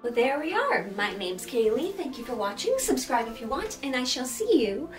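A woman's voice: sits high, very animated, moderate pace, music in the background. A young woman narrating and chatting casually as a hobby sewing vlogger. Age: young adult. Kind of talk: casual vlog narration and chat.

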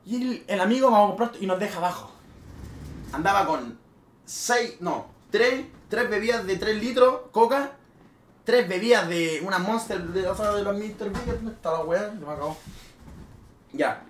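A young man with a Chilean accent, a streamer telling a party story in casual, swear-laden speech with loud bursts. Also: high voice, moderate pace, a little hiss or hum. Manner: animated, swears freely, with sudden loud bursts. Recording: roomy echo.

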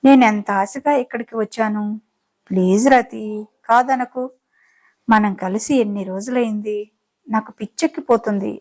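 A woman's voice: fairly high pitch, unhurried, long pauses, darkish tone, natural voice, rough recording. A woman voicing a drunk, crude, pushy young man in a dramatized audiobook story, wheedling at first and then mocking. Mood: pleading.

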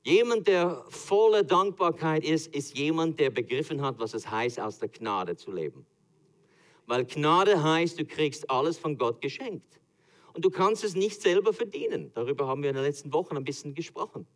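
A man's voice: on the high side, lively intonation, normal speed. A man with a Swiss German accent preaching a sermon as pastor, telling stories animatedly and acting out quotes with laughter.

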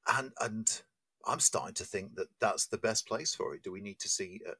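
A man's voice: on the low side, moderate pace, bright, forceful tone, husky, no echo. A man co-hosting a film podcast, talking things through in a thoughtful way and sometimes repeating words. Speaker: podcast co-host. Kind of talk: casual film chat.

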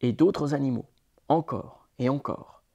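A man reading picture books aloud for small children, animated and chanting drum sounds and rhymes. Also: mid-range voice, a little slow, creaky, slightly rough, lo-fi sound. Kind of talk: read-aloud picture book narration.

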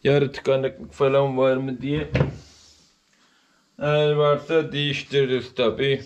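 A man in his thirties calmly explaining a chainsaw repair step by step as a workshop channel host, filmed in an open workshop on the camera's own mic. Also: medium pitch, takes it slowly, highs cut off. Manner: plain, explanatory, matter-of-fact. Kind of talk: casual repair walkthrough. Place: open workshop with outdoor light. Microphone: camera mic, filming his own hands. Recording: noisy workshop recording.

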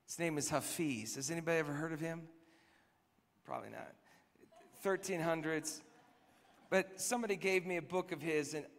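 A man speaks at a live worship gathering, storytelling in a loose, conversational way. His voice sits a little high, and he keeps slipping into soft, near-whispered lines. A long reverb trails each phrase, as in a big hall. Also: moderate pace, long pauses. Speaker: worship leader. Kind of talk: sermon-style storytelling.

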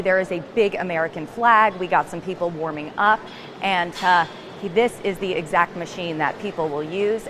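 A woman's voice: on the low side, fairly bright tone. A young woman giving a live television news report from inside a large gym. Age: young adult. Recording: clear gym machine noise behind.

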